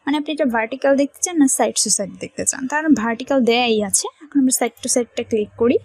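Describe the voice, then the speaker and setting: Husky woman explaining software step by step. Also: on the high side, fast, dry recording, rough recording. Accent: Bangladeshi Bengali. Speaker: computer tutorial teacher. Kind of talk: screen-recorded software tutorial.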